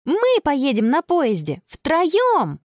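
A woman voicing an excitable young girl in a children's story, pushing her voice high. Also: normal speed, no room sound, studio quality. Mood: excited.

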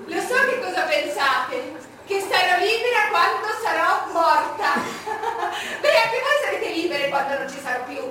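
An actress playing an imperious, bitter, mocking English queen in a theatrical monologue, declaiming with drawn-out scorn. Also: very high voice, lively intonation, background noise. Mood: mocking, vengeful. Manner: declamatory, drawn-out, scornful, swinging from brooding to cackling. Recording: echoey, distant stage recording with music.

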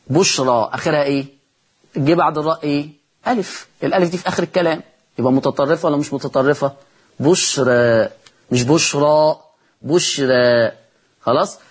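A man with an Egyptian accent teaching Quran recitation rules. He asks the class questions and answers them himself, and he says each word slowly as a model. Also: a little high, slightly rough. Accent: Egyptian Arabic.

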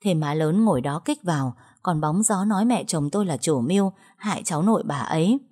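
A woman narrating a first-person story in a calm, steady way. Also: lowish voice, fairly quick, husky.

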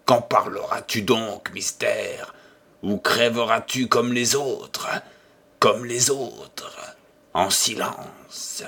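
A man's voice: fairly low pitch, fairly even intonation, extremely slow, vocal fry, bright, forceful tone, husky, exaggerated voice. Storybook role: furious old nobleman, hissing and strangled, man reading. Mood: brooding.

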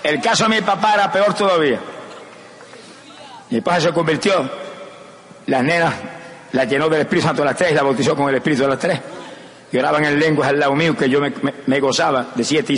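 Recorded amid crowd noise in an echoing hall, an older Puerto Rican evangelist with a fairly high male voice and a Puerto Rican Spanish accent preaches with fervor. He shares his personal testimony, moving from soft-spoken storytelling to loud, shouted exclamations.

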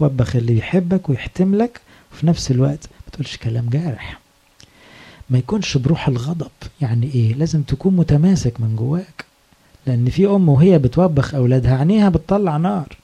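An Egyptian-accented priest preaches in a casual, storytelling way and keeps asking his listeners questions. His voice is very dark and husky. He talks quickly. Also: fairly high pitch. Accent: Egyptian Arabic. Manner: conversational storytelling, rhetorical questions. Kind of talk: sermon.

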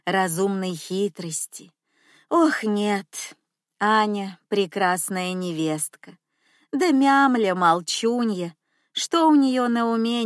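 A woman voicing a scheming, manipulative old grandmother who speaks slowly in a cooing, sugary tone. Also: mid-range voice, no room sound, clean studio sound, close to an everyday voice. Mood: confiding.

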